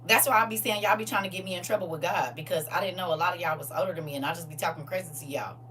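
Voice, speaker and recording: Low-voiced woman hosting a lively livestream. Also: fast talker, distant mic, a little hiss or hum. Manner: animated and teasing, reads chat aloud. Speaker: livestream host reading viewer comments. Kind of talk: casual livestream chat.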